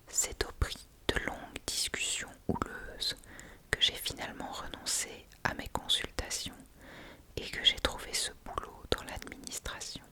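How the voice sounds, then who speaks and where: A reader narrates a novel for ASMR in a soft whisper. The delivery stays hushed and breathy, as if whispered in a library, with the voice almost entirely unvoiced. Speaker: audiobook-style reader.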